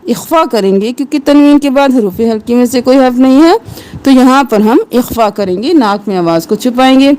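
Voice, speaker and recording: Female tajweed teacher, high voice, patient letter-by-letter drills with slow chanted recitation. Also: darkish tone. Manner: breaks words into letters and vowels, slow drawn-out recitation. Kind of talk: tajweed lesson, explaining and reciting slowly.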